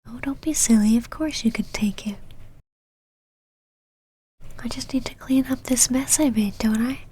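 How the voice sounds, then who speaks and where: A woman voices a domineering female vampire knight in an ASMR roleplay, possessive and teasing, using a mostly breathy whisper and a commanding air. Her voice is on the high side and mellow, at a measured pace.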